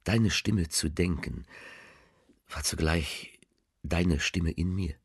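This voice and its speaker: A man voicing a letter writer who speaks tenderly to a loved one, reading slowly and softly in a radio play, often sinking into a near whisper. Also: dry recording, clean studio sound, heavily acted. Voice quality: very deep, gravelly, husky. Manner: slow, hushed, often half-whispered.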